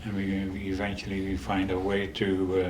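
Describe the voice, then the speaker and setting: Recounting his memories in a casual interview, a Dutch man in his eighties talks slowly in a very low, flat, even voice, often stopping and starting over. He is the interview guest, and the echoey room carries faint ambience plus slight background noise.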